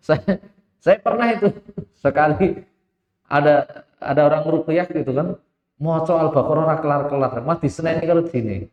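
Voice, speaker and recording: A man teaching Quran recitation. He explains the rules and chants the verses slowly and drawn out. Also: a little high. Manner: laughs while telling an anecdote. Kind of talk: tajweed lesson with recitation. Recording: echoey hall, dull lo-fi sound.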